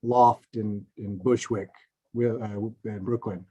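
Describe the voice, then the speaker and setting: A middle-aged man from Seattle, a film composer, telling his story in a relaxed, rambling way over a video call. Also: fairly low pitch, slow pace, slightly rough. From Seattle, USA. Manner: relaxed, rambling with many fillers. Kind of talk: casual video-call chat. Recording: dull lo-fi call audio.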